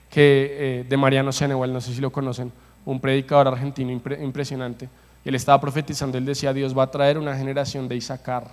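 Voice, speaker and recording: A man preaching a passionate sermon as pastor, repeating phrases for emphasis. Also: medium pitch. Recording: long hall reverb.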